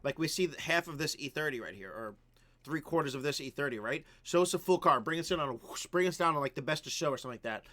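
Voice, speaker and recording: A man's voice: on the high side, lively intonation, fast, a bit bright. A man hosting a live stream, giving casual feedback on viewers' videos and coaching them with lots of "um" and "right?". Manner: chatty, frequent "um" and "right?", coaching tone.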